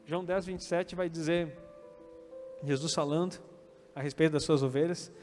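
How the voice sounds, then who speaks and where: A man's voice: fairly high pitch, steady tone, moderate pace. A man with a Brazilian Portuguese accent preaching a sermon as pastor, acting out quoted lines and calling for amens. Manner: preaching with quoted dialogue and calls of amen. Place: church hall. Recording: reverberant hall with faint music.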